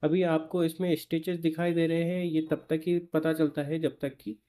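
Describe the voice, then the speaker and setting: In a clinic room, a young doctor addresses the camera, giving a steady account of a patient's post-surgery result punctuated by filler pauses. He speaks with a fairly high, mellow voice and a flat delivery.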